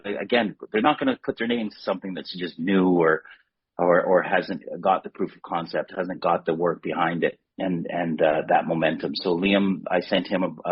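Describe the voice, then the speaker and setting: A man's voice: deep voice, husky, muffled recording. A man guest on a podcast, telling long rambling stories in casual chat with many restarts.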